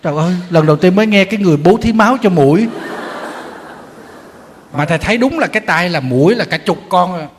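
Male monk preaching; lively anecdotal delivery, slightly high-pitched, recorded with long reverb in a temple hall. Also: fast, long pauses, a little hiss or hum. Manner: storytelling, animated, acting out quotes with humor. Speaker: Buddhist monk giving a dharma talk. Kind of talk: sermon.

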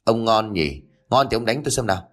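A man voicing a rude, defiant young man who sneers and curses fast at his parents. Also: lowish voice, expressive, slightly rough. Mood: defiant sneering.

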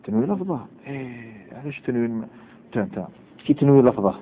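A man's voice: mid-range voice, expressive, fast, a little hiss or hum. A man with an Algerian Arabic accent teaching a grammar class, repeating examples over and over and quizzing his students. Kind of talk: classroom lecture. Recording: tinny lo-fi with long hall reverb.

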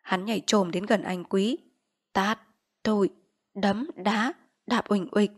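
Brief: woman audiobook narrator, mid-pitched, hushed and grave novel reading. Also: takes it slowly, slightly rough.

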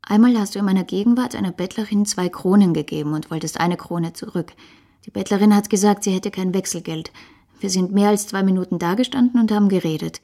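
A woman's voice: medium pitch, fast talker, dark tone, close to an everyday voice. An actress playing a passionate young woman writer in a radio play, speaking earnestly, intimately and pleadingly. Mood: reproachful. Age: 20s.

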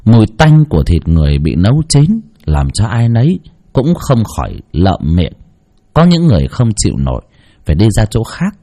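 A man narrating a spooky folk story in an expressive storytelling voice, with mocking asides. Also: on the low side, moderate pace.

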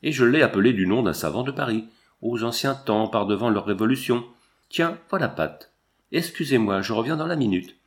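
A man's voice: medium pitch, animated, moderate pace, natural voice. A man voicing an older, emotional immigrant wife who talks in a pleading, folksy way while reading a storybook aloud. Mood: tender.

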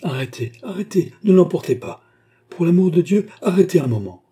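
A man's voice: medium pitch, animated, moderate pace, dark tone, slightly rough. A man voicing an honest, poor older bookstall keeper who is out of breath and urgent as he insists on being heard. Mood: urgent, breathless. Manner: urgent, pleading.

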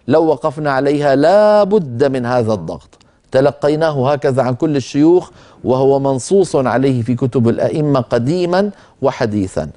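Brief: man hosting a televised recitation lesson, mellow dark tone, patient and explanatory. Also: medium pitch. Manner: calm, explanatory, slows down to demonstrate pronunciation. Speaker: Quran recitation teacher and program host.

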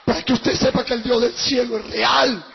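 A pastor giving a fervent, shouting testimony sermon. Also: male voice, very high-pitched, fairly even intonation, moderate pace, gravelly. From Peru. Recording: dull with long hall reverb.

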